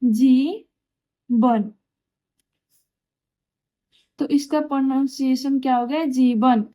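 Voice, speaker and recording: A woman's voice: high voice, steady tone, slow pace, dark tone. A woman teaching German pronunciation, who patiently asks questions and answers them herself. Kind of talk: explaining pronunciation rules.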